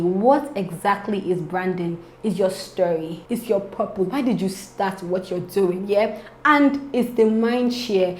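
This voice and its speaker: Chatty woman coaching viewers in a roomy studio. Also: a little high. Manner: chatty, persuasive, keeps asking "do you understand?". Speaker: branding coach and channel host. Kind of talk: direct-to-camera business vlog. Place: her home studio.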